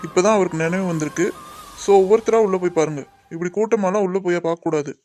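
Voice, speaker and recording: A man voicing a calm reassuring father. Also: high voice, fast, soft background music, natural voice. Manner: reassuring, mixes English words. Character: middle-aged father, calm, then worried over lost money. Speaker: doctor and father. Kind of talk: cartoon drama voice acting.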